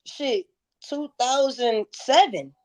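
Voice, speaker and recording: A woman's voice: high voice, expressive, slow pace, darkish tone. A woman in her thirties, a guest in a casual interview, telling stories bluntly with plenty of profanity. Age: 30s.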